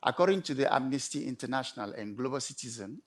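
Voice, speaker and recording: A man delivering a prepared storytelling talk in measured, emphatic short phrases with pauses. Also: mid-range voice, lively intonation. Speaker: conference speaker.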